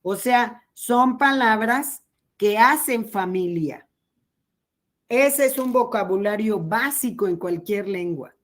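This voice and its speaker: A woman with a Mexican Spanish accent giving a training lecture to teachers, explaining slowly and patiently with pauses. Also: medium pitch, expressive.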